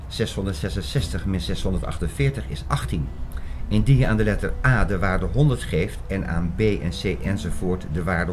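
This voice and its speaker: In a Dutch audio drama, a low-pitched man plays an earnest theorist delivering a lecturing monologue about an apocalyptic conspiracy, emphatic, didactic and insistent. Background noise and a prominent music bed sit under his voice.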